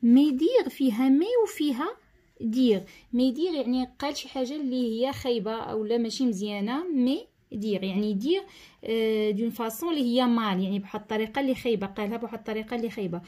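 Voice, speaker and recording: A woman with a Moroccan accent teaching a lesson, explaining step by step, repeating key terms and reading instructions slowly and deliberately. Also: a little high, mellow. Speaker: schoolteacher. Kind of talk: tutorial lesson.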